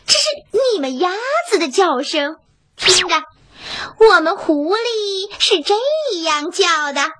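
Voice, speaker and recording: A woman's voice: very high-pitched, animated, slow, a bit bright, a little hiss or hum, exaggerated voice. A woman doing a smug, greedy storybook fox. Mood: bossy. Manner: gloating, laughing. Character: greedy boastful male fox, hungry and smug. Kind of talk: storybook reading.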